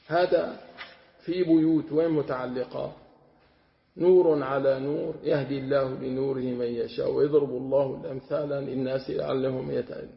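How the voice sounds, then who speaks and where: Gravelly sheikh with Levantine accent. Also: male voice, medium pitch. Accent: Levantine Arabic. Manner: digressive, asks and answers his own questions. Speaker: sheikh teaching Quranic exegesis. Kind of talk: colloquial religious lesson. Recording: echoey hall, dull lo-fi sound.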